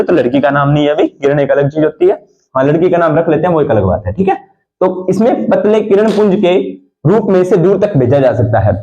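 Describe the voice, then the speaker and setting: Man teaching an exam-prep class, mellow. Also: on the high side, rough recording. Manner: repetitive, quizzes students and answers himself; rhythmic drilling of key points. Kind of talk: live online class lecture.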